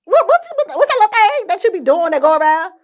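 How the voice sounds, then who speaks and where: A woman's voice: extremely high pitch, sing-song, quick pace. A young woman hosting her own podcast, ranting indignantly and swearing constantly. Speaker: podcast host. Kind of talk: profane ranting monologue.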